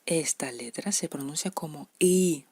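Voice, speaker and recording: A woman's voice: deep voice, unhurried, darkish tone, a little hiss or hum. A woman, teaching letter pronunciation to beginners and patiently repeating each example word. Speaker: language teacher.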